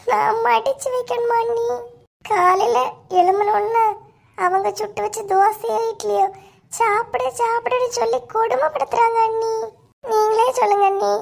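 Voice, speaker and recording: A sulky, dramatic young wife from a cartoon story, played by a woman. She speaks with a Kanyakumari Tamil accent in a whining, sing-song plea, and her voice sits very high and thin. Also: gravelly.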